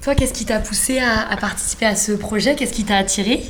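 A woman hosting interviews, introducing guests and asking brisk, friendly questions. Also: fairly high pitch, a little hiss or hum.

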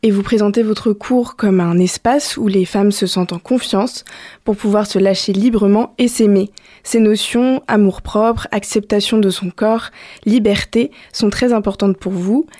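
Speaking at a mid-range pitch, this female radio host opens her community program with composed, thoughtful reflections on her personal experience. Afterward, she interviews someone who has joined her in the studio.

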